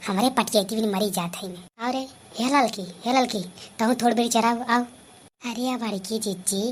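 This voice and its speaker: A woman with an Awadhi accent voicing a put-upon young daughter-in-law who grumbles and mocks in a cartoon comedy, with faint noise behind. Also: medium pitch. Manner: grumbling, mocking asides. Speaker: comedy voice artist. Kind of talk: scripted cartoon comedy dialogue.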